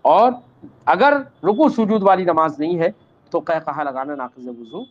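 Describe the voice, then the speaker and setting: A man teaching an Islamic law lesson. He recites Arabic text, then explains it patiently, calls the students "child" and checks that they understood. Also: a little high. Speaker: religious teacher. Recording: dull lo-fi recording.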